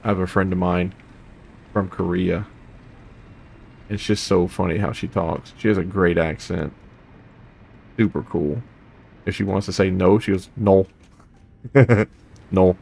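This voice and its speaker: A man's voice: sits low, fairly even intonation, unhurried, vocal fry, pauses often, darkish tone, a little hiss or hum. A young man casually chatting and rambling while playing a video game, humming to himself between thoughts. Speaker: gaming video host. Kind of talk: casual let's play commentary.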